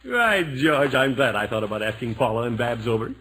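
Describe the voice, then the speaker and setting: An actor playing a blustery, fond middle-aged uncle in an old radio sitcom, with theatrical exclamations. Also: male voice, medium pitch, sing-song, brisk, a bit bright. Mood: genial, fond. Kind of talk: 1940s-50s radio sitcom acting. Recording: old-time radio recording, faint noise.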